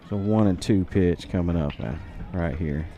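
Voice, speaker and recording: Low-voiced cheering softball color man. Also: moderate pace. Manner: enthusiastic cheerleading, frequent laughs. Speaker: color commentator. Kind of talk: local softball color commentary.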